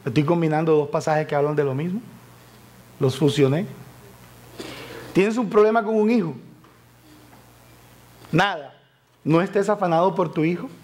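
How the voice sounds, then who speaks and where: A man preaching a fervent sermon in a church, swinging from loud exclamations to soft, near-whispered appeals. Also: fairly high pitch, moderate pace, pauses often. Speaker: evangelist preacher.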